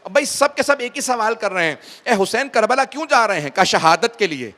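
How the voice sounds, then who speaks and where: A man preaching a Muharram majlis sermon, reciting a tragic narrative that rises to a loud, wailing climax and turning often to address the audience directly. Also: high-pitched, lively intonation. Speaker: Shia preacher.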